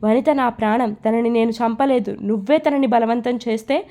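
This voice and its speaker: A woman's voice: a little high, normal speed, mellow, lightly acted. A woman reading the part of an indignant young man protesting his innocence in an audio story. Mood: defiant. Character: defiant young man under interrogation, protesting.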